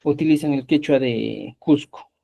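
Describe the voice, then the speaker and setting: A man's voice: on the high side, a little slow, gravelly, warm tone, breathy edge, highs cut off. A man teaching a live online language class, explaining step by step and often checking in with his students. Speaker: Quechua teacher.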